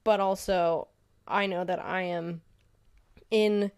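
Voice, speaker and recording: A woman co-hosting a podcast in casual chat, musing reflectively with many pauses and filler sounds. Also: lowish voice, steady tone, a little mellow, clean tone. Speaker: podcast co-host.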